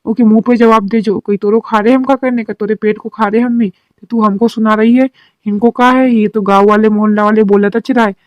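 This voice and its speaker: A woman voicing a mellow village mother-in-law. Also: fairly high pitch, steady tone, fairly quick, dry recording, muffled recording, natural voice. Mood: indignant. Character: worried rural mother-in-law, middle-aged woman. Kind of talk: cartoon drama dialogue.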